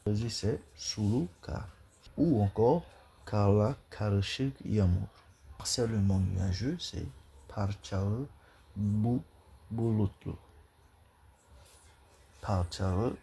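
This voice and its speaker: A man's voice: lowish voice, slow, gravelly, mellow, husky. A man giving a vocabulary lesson, listing words one at a time and repeating each. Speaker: language teacher.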